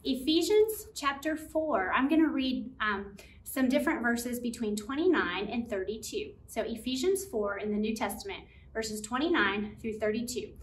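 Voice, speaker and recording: A woman giving a children's Bible lesson, speaking gently and encouragingly to the kids as her friends. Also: a little high, expressive, normal speed, echoey room, recorded from a distance. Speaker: children's ministry teacher. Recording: voice from a bit off the mic, faint background noise.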